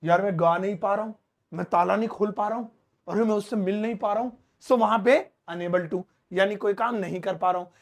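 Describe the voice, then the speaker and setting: A man teaching an English lesson in a casual, chatty way, stretching words out slowly as he writes them on the board. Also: high voice. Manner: lively, stretches words slowly when writing; talks to an off-screen helper.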